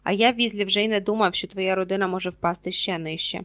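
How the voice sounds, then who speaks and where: A woman's voice: medium pitch, fairly even intonation, fast talker, fairly bright tone, natural voice. A haughty aristocratic wizard speaks with cold disdain, as a woman reading a storybook puts him on. He looks down on everyone around him and lets it show in every word. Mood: disdainful.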